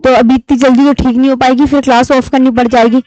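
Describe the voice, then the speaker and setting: A woman teaching a live online class, patiently repeating key terms slowly for her students. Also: sits high, level tone, a little mellow, dry recording. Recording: dull lo-fi stream audio.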